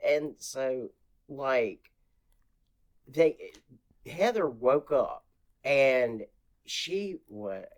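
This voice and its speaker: A man's voice: mid-range voice, very slow, long pauses. A man being interviewed on a podcast, rambling as he retells a memory and acting out what people said in a raised voice. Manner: animated retelling, acts out quotes in a raised voice; rambling, many restarts and fillers. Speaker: interview guest. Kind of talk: casual storytelling.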